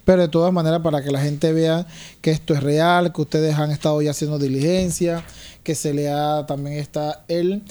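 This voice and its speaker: A man interviewing a family, asking brisk, leading questions. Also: a little high, fairly even intonation, dark tone.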